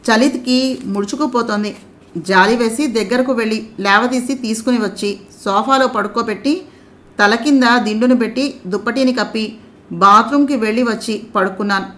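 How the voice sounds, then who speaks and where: Calm woman reading a story aloud. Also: a little high, moderate pace. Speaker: narrator.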